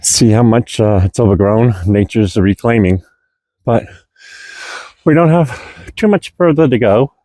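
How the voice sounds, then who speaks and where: A man chats his way through a casual guided walk outdoors, peppering his talk with ums and calling his viewers guys. His voice is mellow and a little winded from the climb, and his pitch sits in a middle range. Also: a little slow, no echo. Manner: chatty, addresses viewers as folks and guys, many ums. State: out of breath. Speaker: host exploring an old fort. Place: outdoors at an old coastal fort.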